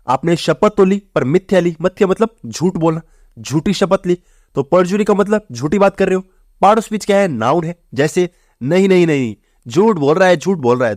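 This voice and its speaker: With a high-sitting voice captured in clean studio audio free of room sound, a man chats his way through English vocabulary for exam preparation. He keeps calling the words very easy, often repeating "theek hai" and "bahut easy hai."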